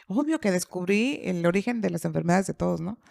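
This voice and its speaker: A woman's voice: on the low side, lively intonation, a little fast, vocal fry, darkish tone, no room sound. A middle-aged woman telling a personal story in casual podcast chat, repeating phrases for emphasis. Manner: acts out quoted dialogue. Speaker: podcast speaker.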